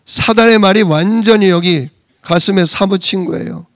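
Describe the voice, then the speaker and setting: A man's voice: sits high, moderate pace, fairly bright tone, no echo, clean studio sound. A man preaching a sermon, asking rhetorical questions and answering them himself, with emphatic bursts. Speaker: pastor.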